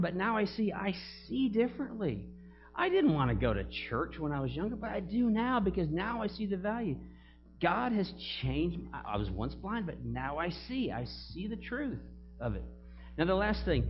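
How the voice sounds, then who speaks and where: A pastor preaching a sermon in a church, animated and acting out the voices he quotes, with loud whoops. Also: on the high side, lo-fi sound. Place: church sanctuary.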